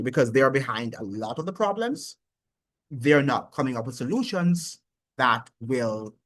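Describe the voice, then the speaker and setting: Animated man preaching political commentary. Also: mid-range voice, no echo. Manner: animated, preachy, halting restarts. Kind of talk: opinionated commentary.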